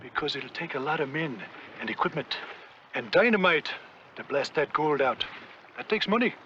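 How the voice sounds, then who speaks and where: An actor playing an excitable, dreamy Irish prospector with a leprechaun-like lilt in a vintage TV western. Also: male voice, on the high side, moderate pace, a little hiss or hum. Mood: confident, courteous. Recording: dull vintage TV soundtrack with music.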